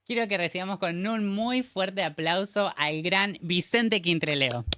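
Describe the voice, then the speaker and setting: Bright chatty host. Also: male voice, sits high, measured pace, slight background noise. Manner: chatty, playful, enthusiastic fan. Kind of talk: casual interview chat.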